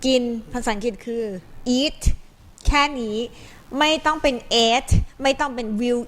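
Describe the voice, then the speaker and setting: Woman, from Thailand, English tutor, patient explainer, higher voice. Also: a little slow, a bit bright. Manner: patient and explanatory, sings a tune as a memory aid. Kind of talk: Thai grammar lesson.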